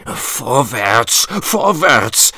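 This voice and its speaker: A man voicing a boisterous, impatient tyrant king in an audiobook, loud and jeering with drawn-out words. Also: on the low side, big pitch swings, no room sound, studio quality, pitched above the performer's own voice, exaggerated voice.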